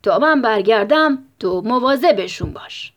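A woman voicing a calm, friendly male zookeeper in a bedtime story, speaking firmly. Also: on the high side.

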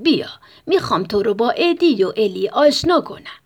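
A woman doing a calm, friendly zookeeper. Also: fairly high pitch. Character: calm adult male zookeeper.

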